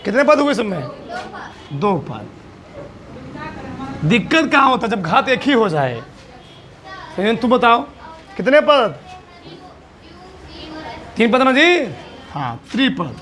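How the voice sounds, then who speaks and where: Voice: medium pitch, very animated, takes it slowly, pauses often, a bit bright, some chatter behind. A teacher giving a classroom maths lesson, asking the students question after question in a coaxing, teasing way.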